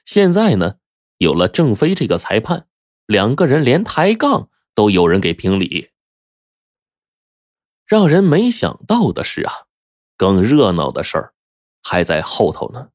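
A man telling a folk tale in a lively, dramatic, folksy manner. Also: lowish voice, a little slow, pauses often, no room sound, studio quality. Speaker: storyteller. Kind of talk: spoken storytelling.

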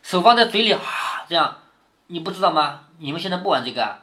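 A man's voice: on the high side, very animated, fast talker, bright, forceful tone. A man reading a classic novel aloud to his daughter, stopping to explain passages and ask her questions. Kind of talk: storytelling with commentary.

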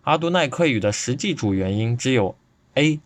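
A man's voice: mid-range voice, expressive, moderate pace. A man presenting a scripted podcast lecture, reading steadily and evenly from his notes into a close microphone.

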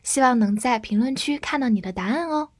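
A woman from China, a native Chinese speaker, teaching English vocabulary with clear, patient explanations and careful spelling. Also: on the high side, expressive, fairly quick, dry recording, studio quality. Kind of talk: vocabulary lesson.

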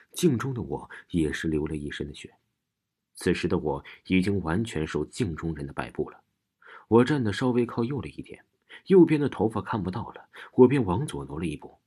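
Low husky guy narrating a creepy ghost story, voice swinging up and down a lot. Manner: dramatic, swings from hushed to shouting. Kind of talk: first-person horror storytelling.

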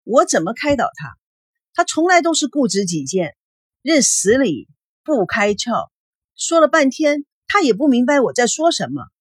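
A woman's voice: fairly high pitch, very animated, normal speed, slightly rough, dry recording, clean studio sound, pitched above the performer's own voice. A woman reading the part of a sulky young bride-to-be, speaking in an exasperated, grumbling way. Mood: complaining.

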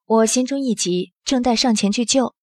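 A woman narrating an audio drama in the first person with a steady storytelling manner. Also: on the high side, moderate pace, no room sound, studio quality.

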